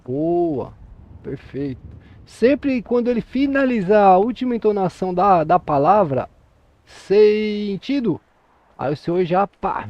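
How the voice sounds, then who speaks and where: A man with a Brazilian Portuguese accent and a somewhat high voice walks another player through drill commands, patient and methodical. His voice comes through a dull, dry voice-chat mic with no room around it. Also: dry recording. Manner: patient, explains step by step, checks understanding. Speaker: police roleplay drill instructor. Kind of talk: instructing in game voice chat.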